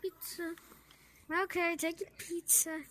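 A woman role-playing in a game, eager and stammering, with loud bursts. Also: very high voice, flat delivery, measured pace. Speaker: roleplayer. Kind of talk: casual game role-play. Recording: noisy mic with clicks.

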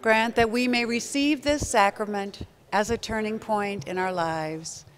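A middle-aged woman pastor reading a communion liturgy and prayer in a slow, solemn, prayerful way in a church sanctuary, picked up by a far camera. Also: mid-range voice.

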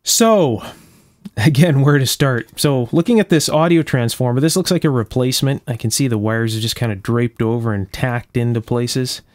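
Here a man of medium pitch speaks at an ordinary pace, recorded dry and at studio quality. He restores electronics and hosts videos, and in this clip he's at a workshop bench indoors, walking viewers casually and methodically through a hands-on fix.

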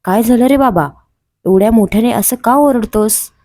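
A woman's voice: fairly high pitch, normal speed, mellow, lightly acted. Dongardada, a woman voicing a kind old mountain. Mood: concerned. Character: kind, gentle old grandfatherly mountain, male.

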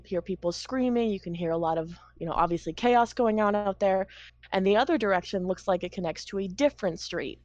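A woman serving as game master, narrating scenes in a relaxed, casual way. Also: medium pitch, no echo.

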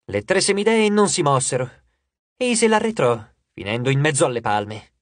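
An audiobook narrator reading a novel in an expressive, measured storytelling manner on a close studio microphone. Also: mid-range voice, no room sound.

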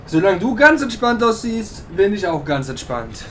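A man's voice: high voice, big pitch swings, normal speed, fairly bright tone, slight background noise. A man with a German accent giving casual commentary while playing a video game. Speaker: let's play gamer.

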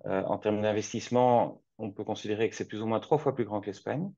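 A man from Belgium in his forties, speaking in a measured way with frequent restarts, interviewed over a video call from his office. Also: lowish voice, warm tone, dry recording. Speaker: guest, company co-founder. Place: office, seated at a desk. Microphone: webcam on a video call. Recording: dull lo-fi video call audio.

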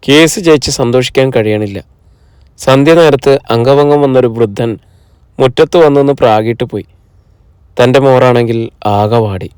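A man's voice: medium pitch, moderate pace, a little mellow, smooth, dry recording, clean studio sound, close to an everyday voice. A man voicing a troubled, emotional middle-aged husband in an audiobook, speaking earnestly. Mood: rueful. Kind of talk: audiobook character reading.

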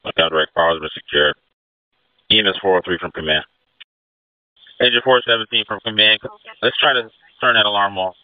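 A man acting as incident commander, giving brisk orders over a two-way radio. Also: on the low side, smooth, no room sound. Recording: narrow phone-like radio channel.

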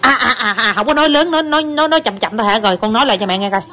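In a family vlog, a mother with a fairly high voice chats casually to viewers while also talking with her daughter. She's animated and laughs easily.

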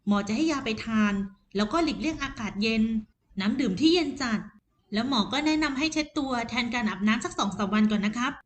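A calm male doctor giving plain instructions, as a woman reads him. The delivery is steady and explanatory, the voice fairly high. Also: quick pace, lightly acted.

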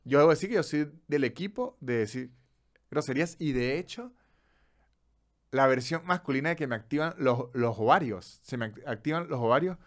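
A Venezuelan man co-hosting a podcast in casual chat, animated and slightly stammering, often acting out little quoted dialogues. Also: medium pitch, moderate pace. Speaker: podcast co-host.

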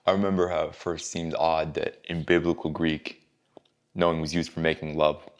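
An actor performing a stage monologue as a heartbroken man reflecting on love, speaking slowly with long pauses and drops to near whispers. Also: little pitch movement. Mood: reflective. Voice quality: very deep gravelly voice.

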